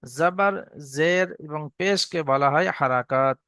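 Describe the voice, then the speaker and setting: A man teaching a slow recorded lesson, drawing out each letter and vowel mark for students to repeat. His voice sits high and sounds smooth and clear. The sound is close and dry. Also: a bit bright, no echo. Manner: patient, repetitive drilling with call-and-repeat; clears throat often. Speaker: Quran reading teacher.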